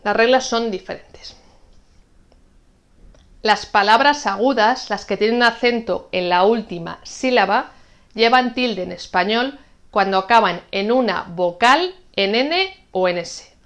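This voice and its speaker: A woman from teaching an online Spanish lesson, explaining rules clearly and patiently and saying example words slowly. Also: mid-range voice, lively intonation, fairly bright tone.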